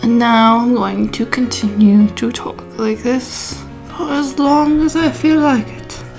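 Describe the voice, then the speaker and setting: A young woman delivers a scripted, self-mocking vlog monologue into a close mic at home. She uses a drawn-out, commercial-style voice that sits a bit high and moves slowly. Faint music runs underneath. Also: fairly even intonation. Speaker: YouTuber. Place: home, indoors.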